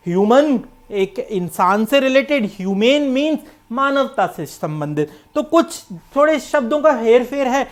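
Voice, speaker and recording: A woman's voice: on the high side, lively intonation, unhurried, hardly any pauses. A woman with an Indian accent giving an exam-prep English grammar lecture, explaining step by step and mixing English terms into Hindi. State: coughing, needs water. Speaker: English teacher.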